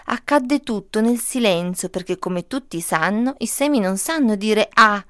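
A woman reading a children's storybook aloud, gentle and expressive with lively emphasis. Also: mid-range voice, measured pace, smooth, no room sound, clean studio sound.

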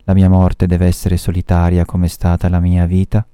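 A man's voice: sits low, monotone, moderate pace, clean tone, dry recording, studio quality, close to an everyday voice. A man reading the part of an obsessed, vengeful old sea captain in a read-aloud story, calling out orders and cursing. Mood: lamenting. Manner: shouting commands, grieving and defiant.

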